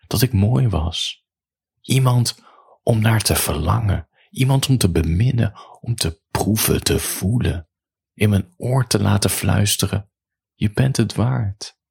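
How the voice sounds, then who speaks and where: A man reading a chapter of his own audiobook as a calm bedtime story, with pauses between phrases. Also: low voice, creaky, husky.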